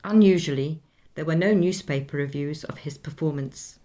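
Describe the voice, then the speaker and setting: An actress playing a dignified nineteenth-century Swedish opera singer in a radio play, speaking in a measured, formal, reflective way. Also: female voice, low voice, warm tone, lightly acted. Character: [name], composed, dignified Swedish opera singer of the 1840s.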